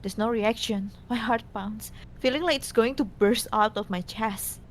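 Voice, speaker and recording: A woman narrating a scripted game story aloud, now and then stumbling over the reading. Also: moderate pace. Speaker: co-host reading a visual novel aloud. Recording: noisy, low rumble behind.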